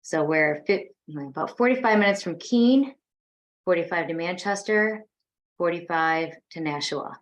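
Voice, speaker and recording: A woman's voice: lowish voice, measured pace. A married woman on a panel, recalling her house hunt with frequent hesitations. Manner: hesitant, lots of fillers. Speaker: panel guest. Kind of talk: casual panel chat.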